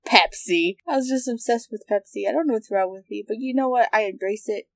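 A young woman with a high, squeaky voice like a rubber toy, bantering comically as a podcast co-host in a playful, self-mocking, excitable way. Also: brisk, dry recording. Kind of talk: casual comedic banter.

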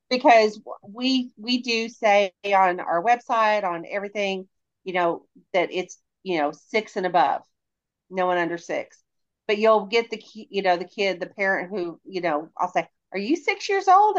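A woman's voice: mid-range voice, a little slow, dull audio. A woman who runs a haunted attraction, talking in chatty podcast conversation. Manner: chatty, many fillers. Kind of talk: casual podcast chat.

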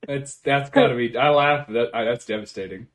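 A man hosts a casual podcast chat from home, swearing freely and laughing often. He speaks at medium pitch and a moderate pace.

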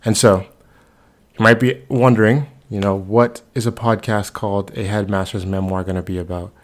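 A man in his twenties from the Bahamas, introducing himself as host of a solo podcast in a relaxed, conversational way with frequent fillers. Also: on the low side, normal speed. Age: 20s.

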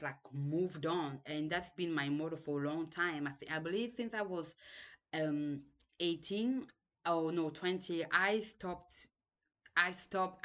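A woman's voice: sits low, a bit bright. A young woman from Cameroon with a Cameroonian accent, reflecting on her past in a hesitant monologue full of restarts and ums. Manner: hesitant, restarts sentences often, many ums. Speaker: podcast host.

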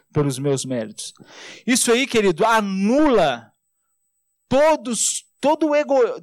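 A Brazilian man preaching a sermon as a pastor, in a conversational style full of rhetorical tag questions, slowing down and dropping low on key words. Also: dry recording. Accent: Brazilian Portuguese. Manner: slows and drops low on key words, then rises fast.

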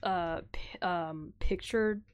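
A woman's voice: lowish voice, slow, smooth. A woman co-hosting a podcast, talking in easygoing casual chat with some hesitations. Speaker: podcast co-host.

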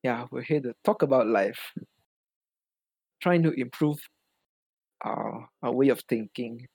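A man's voice: medium pitch, unhurried, darkish tone, slightly rough, no echo, poor audio. Young male podcast host, Singaporean, casual Singlish, slightly muddy and dry recording. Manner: colloquial Singlish with particles like lah and ah.

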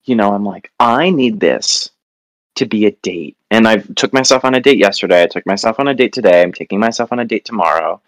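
A man's voice: on the low side, fairly quick, dry recording. A man chatting casually on a comedy podcast, rambling and self-mocking with lots of fillers.

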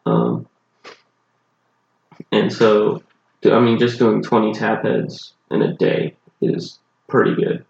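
A man's voice: lowish voice, very animated, slow pace, vocal fry, pauses often, a little mellow, reverberant, lo-fi sound. A man with a Southern accent and a groggy voice, a bartender co-hosting a podcast and rambling casually about his work. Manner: rambling, loose, swears casually. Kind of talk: casual chat.

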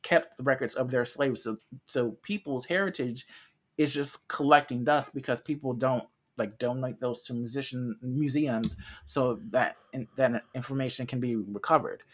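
American man, podcast co-host, earnest, long explanations, mid-pitched voice. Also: moderate pace. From United States. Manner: earnest, explains at length with restarts. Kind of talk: casual conversational podcast.

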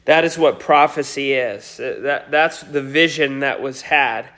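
A man's voice: mid-range voice, unhurried, fairly bright tone. A pastor giving a Sunday sermon, his voice nasal today, speaking earnestly with frequent restarts. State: nasal from a cold.

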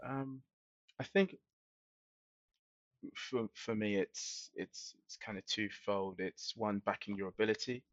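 A man speaking softly and hesitantly with many fillers, a podcast guest in casual discussion. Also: on the low side, slow, pauses often, no echo. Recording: dull, dry lo-fi sound.

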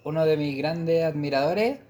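A young man with a Chilean Spanish accent, co-hosting a casual chat in a relaxed, rambling way. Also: a little high, moderate pace. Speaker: podcast co-host.

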